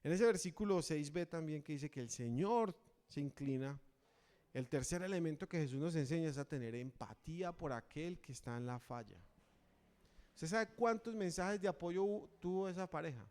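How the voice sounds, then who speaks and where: A man's voice: on the high side, animated, normal speed, darkish tone. A man preaching a sermon in earnest, asking the congregation rhetorical questions. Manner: earnest, rhetorical questions, acts out voices of a crowd. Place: church. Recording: long church reverb.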